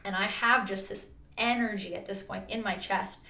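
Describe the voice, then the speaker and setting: A woman's voice: mid-range voice, fairly even intonation, normal speed, vocal fry, sharp tone. A woman telling a personal story to her viewers in a vlog, earnest and chatty, full of restarts and fillers. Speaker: vlogger. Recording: roomy echo.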